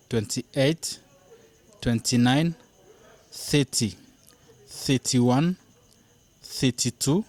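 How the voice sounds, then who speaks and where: A man leading a counting drill, saying each number loudly with a pause after it. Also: medium pitch. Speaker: language teacher.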